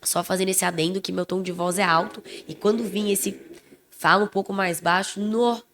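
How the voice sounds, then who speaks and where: An expressive young woman with a Brazilian Portuguese accent, co-hosting a relaxed podcast chat. She talks emphatically, with a naturally loud manner, and sounds a little under the weather. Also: mid-range voice, moderate pace, slight background noise. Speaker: podcast co-host. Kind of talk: casual chat.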